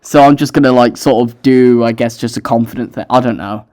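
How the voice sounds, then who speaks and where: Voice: mid-range voice, steady tone, brisk, mellow. A young author narrating their own story, breaking off for casual, self-mocking, sweary commentary.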